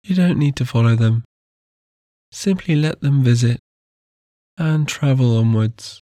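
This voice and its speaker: Male sleep-meditation guide: soft, unhurried, warm and low-key, close and dry. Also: no echo. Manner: slow, soft and soothing.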